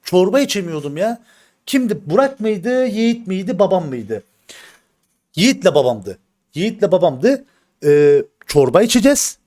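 A male streamer talks straight to his audience in a heated, venting way. His voice sits a little on the high side, and he leans on slang, swearing and repeated phrases to drive his points home. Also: sing-song, normal speed, a little mellow. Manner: addresses the audience directly, repeats himself for emphasis. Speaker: live streamer. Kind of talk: casual stream talk to viewers.

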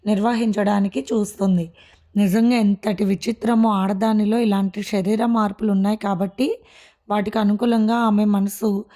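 A woman reading a serial love story aloud in a steady storytelling way. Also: mid-range voice. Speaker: story reader. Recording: noisy recording.

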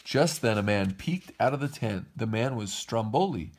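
A man reads a storybook aloud to his kids in a lively way, putting on a different voice for each character. His voice is lowish and his speed normal.

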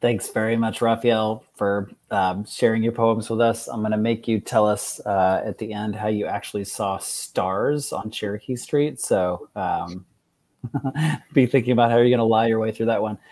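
A man's voice: fairly low pitch, moderate pace, a little mellow. A man hosting an online poetry reading, introducing the next poet in a friendly, joking way with frequent fillers. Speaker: host of the reading. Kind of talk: event introduction.

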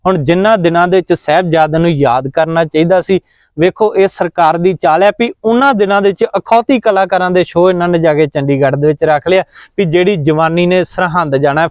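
A man speaks with earnest, preaching conviction. His voice is smooth and clear, a little high, and the recording is close and dry. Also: dry recording. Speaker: interviewee. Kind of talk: impassioned religious commentary.

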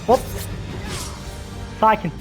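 A young man giving casual, slangy gameplay commentary, shouting taunts and swearing during fights. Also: very slow, over music. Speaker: gaming channel host.

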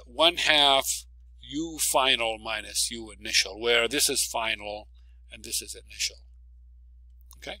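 A male physics professor records a video lecture with a bright, lively voice that climbs whenever he stresses a key word. He walks through the problem step by step and keeps asking "okay?" to check in. The sound is dry and close, with no room echo. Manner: explains step by step, asks "okay?" often; stresses key words with rising pitch.

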